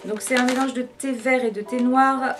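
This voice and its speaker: A woman's voice: high-pitched, steady tone, normal speed. Woman, casual review vlogger, hesitant and chatty, music underneath. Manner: chatty, hesitant with many fillers and restarts. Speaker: tea vlogger. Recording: background music.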